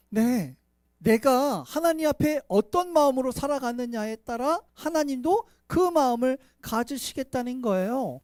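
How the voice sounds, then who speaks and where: A man preaches a Sunday sermon, rising to loud emphatic declarations and dropping to soft pleading. He slips into conversational asides and acts out the voices he quotes. The sound is dry and close, with little room echo. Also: extremely high pitch. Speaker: pastor.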